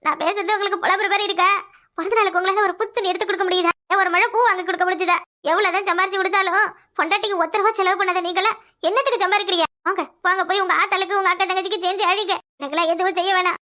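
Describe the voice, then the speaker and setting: A woman as a quarrelsome cartoon wife, very high, rapid, scolding, repeats her lines. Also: fairly even intonation, pushed and bright. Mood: angry, scolding. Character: fiery shrill young wife, quarrelsome and wounded. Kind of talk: cartoon voice acting.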